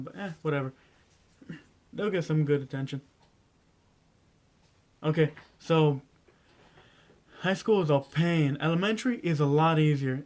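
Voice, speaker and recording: Rambling teen guy giving school advice. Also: a little high. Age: teens. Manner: rambling, stumbling, self-interrupting; frequent throat clearing. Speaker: vlogger. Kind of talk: casual advice vlog.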